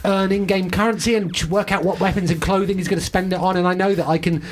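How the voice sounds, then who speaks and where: A man hosting a podcast, reading listener letters aloud and reacting quickly in casual chat. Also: high voice, steady tone. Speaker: podcast host.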